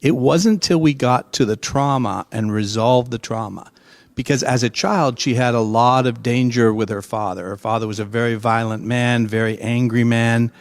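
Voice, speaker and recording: A middle-aged man explaining his ideas as a guest in a conversational interview, emphatic and animated, acting out bits of dialogue. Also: medium pitch, normal speed, dry recording. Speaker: guest expert.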